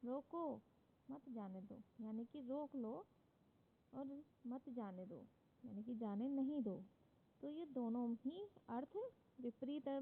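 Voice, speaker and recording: Indian woman teacher, slightly high voice, slow and patient grammar lesson, phone-quality audio with faint hiss. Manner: patient, explains step by step with frequent "है ना?" checks.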